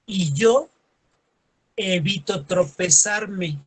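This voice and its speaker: Man, high voice, teacher, lecture, sarcastic asides. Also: extremely slow. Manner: acts out everyday scenes in quoted voices. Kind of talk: classroom lecture.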